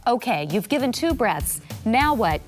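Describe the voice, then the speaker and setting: A woman giving scripted CPR instruction, calm and clear, coaching step by step. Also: fairly high pitch, measured pace, soft background music.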